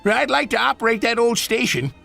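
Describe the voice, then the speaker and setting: A man voicing a cranky old railway man like an old prospector, gravelly, in a children's TV story. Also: very high-pitched, lively intonation, fairly quick, pushed and bright, soft background music, heavily acted. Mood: cranky, insistent.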